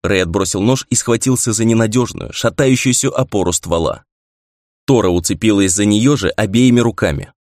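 A man with a fairly low voice reads a fantasy audiobook at a steady, measured pace, lending each scene expression. The sound is bone-dry and close, with no trace of a room. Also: no echo. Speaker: audiobook narrator. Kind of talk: audiobook narration of a fantasy novel.

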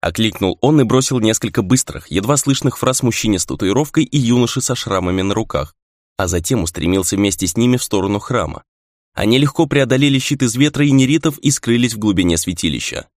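A man reading a fantasy novel aloud in a lively narration style. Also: fairly low pitch, quick pace, no room sound, studio quality. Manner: lively reading, raises voice for shouted lines. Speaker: audiobook narrator. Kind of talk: scripted narration.

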